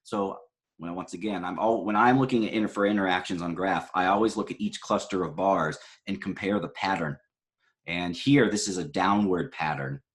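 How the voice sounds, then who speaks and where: A man's voice: low-pitched, moderate pace. A man lecturing on psychology research, explaining graphs in a conversational way with frequent fillers and self-corrections. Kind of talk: recorded lecture walking through graphs.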